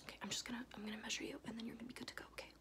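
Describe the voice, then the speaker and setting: A young woman doing a fast, aggressive ASMR whispered role-play, chaotic and repetitive, close to the mic. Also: a little high, little pitch movement. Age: young adult. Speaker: ASMR performer. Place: small indoor room at home.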